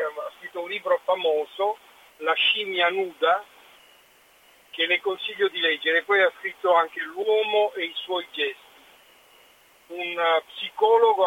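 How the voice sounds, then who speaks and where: A man phoning in to a radio show on speakerphone, telling a lively anecdote in a chatty way. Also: sits high. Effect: on speakerphone over a phone line. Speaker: caller. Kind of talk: phone-in chat, telling an anecdote. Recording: dull phone line, speakerphone.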